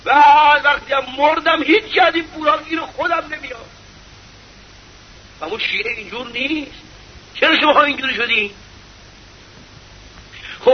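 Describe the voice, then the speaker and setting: A male preacher giving an impassioned sermon full of rhetorical questions, sometimes breaking into shouts. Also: very high voice. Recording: slightly muffled with faint hiss.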